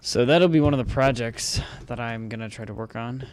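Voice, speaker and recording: A man's voice: medium pitch, brisk. A young man hosting a gaming video, rambling casually through gameplay commentary and often correcting himself mid-sentence on a desktop mic at home. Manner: rambling, self-correcting, chatty. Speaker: gaming channel host. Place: home room with a fan running. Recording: faint background fan noise.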